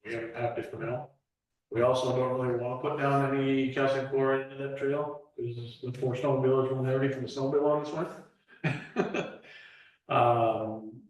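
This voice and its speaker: A man giving a club treasurer's and trail report at a meeting, reading figures slowly with many fillers. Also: medium pitch, slight background noise. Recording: echoey room, mic far off.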